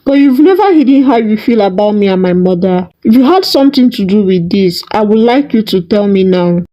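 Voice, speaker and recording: A woman voicing a determined young man who speaks in a steady, firm way. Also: medium pitch, brisk, close to an everyday voice, rough recording.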